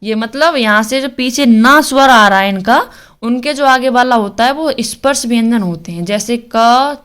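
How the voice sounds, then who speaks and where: A woman's voice: on the high side, moderate pace, fairly bright tone, clear, resonant tone. A woman teaching Hindi grammar for an exam, sounding out letters one by one and asking questions she answers herself. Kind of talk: exam-prep lesson.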